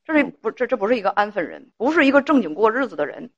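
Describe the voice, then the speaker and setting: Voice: mid-range voice, very animated, rapid-fire, a bit bright. A host giving frank relationship advice on a livestream, blunt and emphatic, repeating key phrases. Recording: dull dry lo-fi stream audio.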